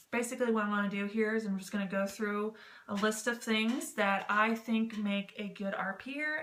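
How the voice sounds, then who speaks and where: A woman hosts a vlog with tips on written role-playing, explaining to camera in a rambling, informal way full of self-deprecating jokes. Her mid-range voice is a bit bright, and the recording has a roomy echo with clear background noise.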